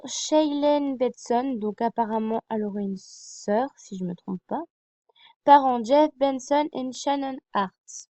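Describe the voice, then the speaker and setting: A woman's voice: high-pitched, dark tone, dry recording, lo-fi sound. A young woman presenting a TV series to her viewers in a casual fan vlog, hesitant and full of fillers and apologies. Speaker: fan vlogger.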